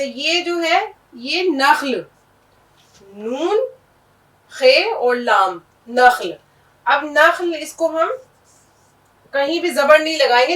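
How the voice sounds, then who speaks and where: A woman's voice: high voice, fairly bright tone, far from the mic. A woman teaching a language lesson, patiently spelling out letters and repeating each word. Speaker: Urdu teacher. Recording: echoey room, voice from off-mic.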